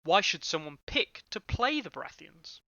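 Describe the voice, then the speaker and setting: A man's voice: high-pitched, big pitch swings, normal speed, gravelly, bright, forceful tone, no room sound. A man hosting a gaming interview show, upbeat and announcer-like, reading scripted questions. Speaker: podcast host. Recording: muffled lo-fi mic.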